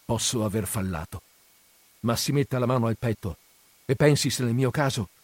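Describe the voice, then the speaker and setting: A man reading aloud voices an angry, hot-tempered young peasant who makes forceful, insistent demands. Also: medium pitch, moderate pace, dry recording, close to an everyday voice. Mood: subdued.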